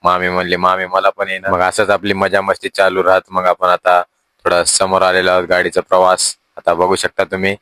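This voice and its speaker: A man's voice: low voice, completely flat delivery, a little fast, sharp tone, clear, resonant tone, dry recording. A man vlogging a family trip, talking casually and addressing his viewers directly. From Telangana-Maharashtra border region, India. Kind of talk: casual vlog narration.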